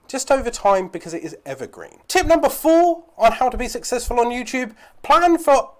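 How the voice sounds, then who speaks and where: A man hosting his own video channel, giving chatty advice straight to camera with rambling asides. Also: a little high. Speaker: YouTube channel host. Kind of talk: direct-to-camera advice vlog.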